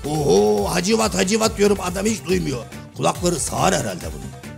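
A man voicing Karagöz, a blunt, half-deaf middle-aged male shadow-play figure who keeps mishearing and twisting his partner's words, with a gravelly, raspy voice. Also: sits high, big pitch swings, fairly quick, music in the background, heavily acted. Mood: mock-innocent. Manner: mishears everything and answers with cheeky misunderstandings. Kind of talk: comic shadow-play sketch.

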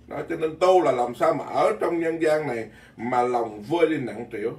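Folksy monk preaching. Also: male voice, fairly high pitch. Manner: folksy, blunt, animated, repeats words while searching. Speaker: Buddhist monk teacher. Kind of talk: dharma talk sermon. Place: temple hall in Virginia. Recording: echoey hall, mic at a distance.

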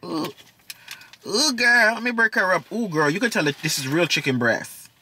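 A young man hosting a casual mukbang eating chat, sassy and expressive, full of slang. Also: sits high, moderate pace, slight background noise. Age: young adult. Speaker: mukbang vlog host. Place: inside a parked car.

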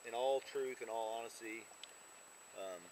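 A man's voice: mid-range voice, moderate pace, darkish tone, slight background noise, rough recording. A man sitting in a kayak on a lake, bantering with dry, mock-serious humor, recorded by a camera from another boat.

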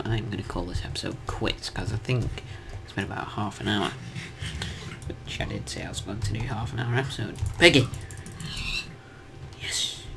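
A man's voice: medium pitch, fairly bright tone, slight background noise. A young man giving casual, jokey commentary on his own gameplay, chatting to himself and his viewers. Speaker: gaming commentator. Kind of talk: casual let's-play commentary.

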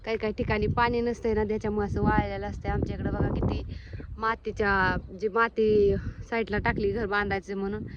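A woman's voice: medium pitch, flat delivery, fairly quick, lo-fi sound, very noisy. A young woman with a rural Marathi accent, chatting as she films her farm vlog outdoors on a handheld phone, calling out to animals and family. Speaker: vlogger.

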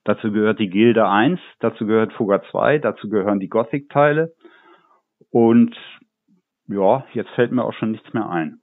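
In a relaxed interview, a man who develops games tells stories from his work, chatty and given to light laughs. His voice is on the low side at a normal speed, without echo, and the line sounds dull and phone-like.

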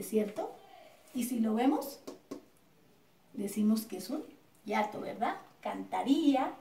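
A woman's voice: high voice, mellow, distant mic. A woman teacher with a Colombian accent giving a recorded grammar lesson in a classroom, speaking patiently, repeating words and checking with her students. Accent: Colombian Spanish. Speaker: schoolteacher. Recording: echoey room, voice off-mic.

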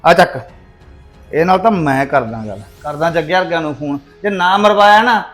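Over soft background music, a man with a fairly high, slightly bright voice speaks at a moderate pace in a lightly acted Punjabi short-film drama. He plays a hot-tempered young brother, angry, harsh and threatening, commanding his family to force his sister's marriage.

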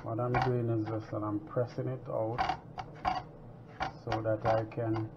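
A man's voice: on the low side, measured pace. A man hosting a home cooking tutorial in his kitchen, talking casually as he works. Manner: relaxed, chatty, talks while working. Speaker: home cooking show host. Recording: dull lo-fi sound with kitchen noise.

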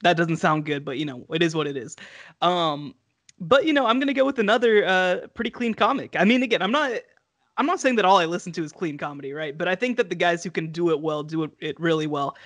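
A man's voice: on the high side, fast talker, fairly bright tone, no echo. Eager man on a headset video call. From United States. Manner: enthusiastic, talks in long run-on thoughts. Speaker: podcast co-host. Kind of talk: casual chat. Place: home room. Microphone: headset mic on video call.

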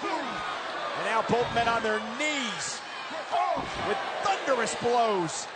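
A man's voice: very high-pitched, lively intonation, takes it slowly, over a noisy crowd. A man giving live wrestling commentary as play-by-play announcer, calling the action with dramatic emphasis. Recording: loud arena noise behind the voice.

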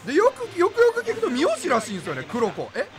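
A young man with a Kansai accent commentates his own gameplay in an excitable, high, wildly swinging voice. He talks fast and bursts into rapid repeated exclamations, with game music playing clearly behind him. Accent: Kansai Japanese. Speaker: game YouTuber.

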